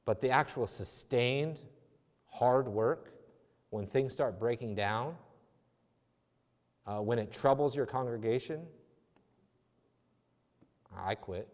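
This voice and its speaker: A male lecturer talks through a long answer in a loose, conversational manner, circling back and restarting his sentences. His voice sits at an ordinary pitch for a man. The chapel adds a long, lingering reverb. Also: slow, pauses often. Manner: discursive, self-deprecating, frequent restarts. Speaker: theology lecturer giving a talk.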